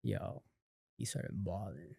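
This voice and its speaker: Low, dark-voiced man telling a story. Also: slow pace, creaky, slightly rough, no echo, clean studio sound. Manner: animated storyteller, acts out others' words, many fillers. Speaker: podcast guest, company founder. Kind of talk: casual storytelling in an interview.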